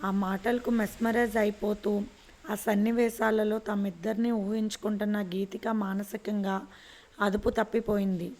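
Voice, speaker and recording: A woman narrating a serial romance story in a steady, even reading. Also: mid-range voice, normal speed.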